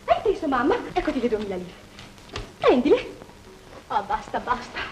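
An actress playing a jealous, tearful young fiancée in a 1940s film, her voice breaking into shrill complaints. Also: wildly swooping pitch, normal speed, a little mellow, soft background music, poor audio. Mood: aggrieved.

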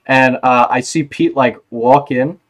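A young man hosting a casual gaming voice chat, talking excitably in long rambling runs and swearing freely. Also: mid-range voice, a little slow. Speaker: streamer and host.

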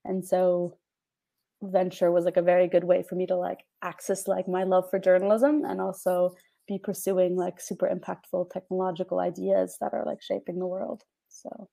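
Chatty young woman with a creaky voice. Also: fairly low pitch, level tone, normal speed, warm tone. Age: 20s. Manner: chatty, with many "like" and "um" fillers. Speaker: panel guest, venture investor. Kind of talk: casual panel talk. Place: home room, indoors. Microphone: video call webcam.

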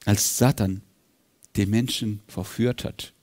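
A man preaching a sermon as pastor of a church, fervent, swinging from loud rises to hushed drops. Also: on the low side, fairly even intonation, takes it slowly. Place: church service.

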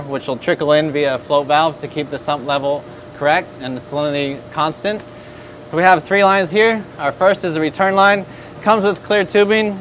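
A man's voice: on the high side, a bit bright, slight background noise. A man in his thirties with an American accent, upbeat and instructive as he demonstrates aquarium setup in a store showroom on a lapel mic. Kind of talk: product demonstration tutorial.

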